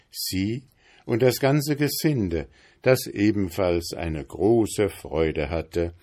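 A man reading a fairy tale aloud in a measured, dramatic storytelling manner. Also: low-pitched, a little mellow.

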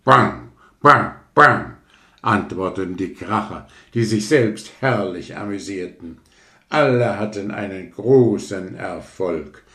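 A man reads a fairy tale aloud in a slow, measured way. His voice sits on the low side and he takes his time over every phrase. The recording carries a noticeable roomy echo. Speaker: storyteller.

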